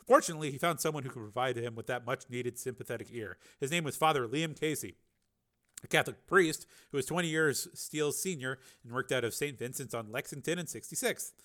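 A man narrating a novel as an audiobook, steady storytelling with occasional small slips. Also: mid-range voice, brisk.

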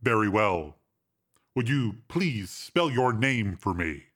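A man reading a story aloud, voicing a formal, composed male bodyguard in a deep, measured voice. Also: animated, a bit bright, heavily acted.

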